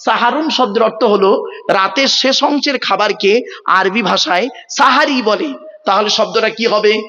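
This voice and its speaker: A man gives a sermon to a gathering, asking the crowd questions and drilling the correct pronunciation of words. His voice sits high for a man. The recording is dull and lo-fi, and the voice trails off in a long hall reverb. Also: normal speed, sharp tone. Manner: quizzing the crowd, stressing pronunciation. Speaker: preacher. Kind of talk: Bengali waz sermon. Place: large outdoor religious gathering.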